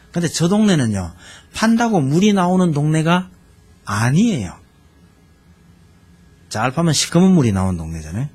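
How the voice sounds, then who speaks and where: Lively-voiced male pastor preaching. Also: fairly high pitch. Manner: conversational, asks the congregation questions. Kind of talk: sermon. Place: church sanctuary.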